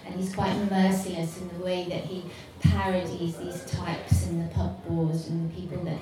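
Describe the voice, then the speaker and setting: A woman's voice: on the low side, completely flat delivery, normal speed, music in the background. Rambling, enthusiastic woman, echoey room. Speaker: book club panelist. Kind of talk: casual discussion. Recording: echoey room, mic far off, faint noise.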